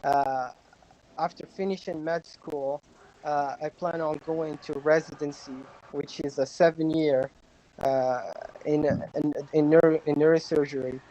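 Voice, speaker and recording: A man's voice: fairly high pitch, fairly even intonation, measured pace, dark tone, muffled recording. Hesitant young man from Morocco. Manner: hesitant, many fillers and restarts. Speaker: livestream guest. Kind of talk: casual self-introduction.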